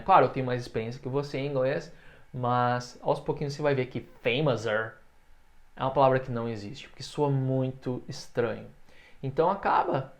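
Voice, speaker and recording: A Brazilian man teaching English comparatives, switching between explanations and slow, careful example phrases for his students to repeat. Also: medium pitch. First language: Portuguese. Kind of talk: online language lesson.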